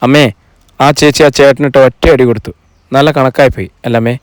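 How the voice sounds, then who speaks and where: A man's voice: medium pitch, fairly even intonation, brisk, no echo, close to an everyday voice. A man reading the lines of a chatty, innocent childlike girl in an audiobook, eager and self-important. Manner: eager, telling things with importance.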